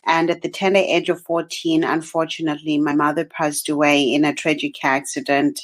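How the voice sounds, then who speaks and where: A woman's voice: low voice, flat delivery, normal speed. A woman from Zimbabwe, a guest telling her life story in an interview, earnest and reflective with some fillers.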